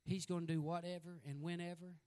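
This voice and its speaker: Male evangelist, high voice, folksy storyteller who builds to loud exhortation. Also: little pitch movement, fairly quick. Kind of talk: sermon.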